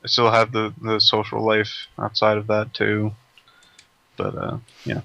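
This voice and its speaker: A man in casual podcast chat, rambling with halting restarts. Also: on the low side, monotone, gravelly, sharp tone, lo-fi sound.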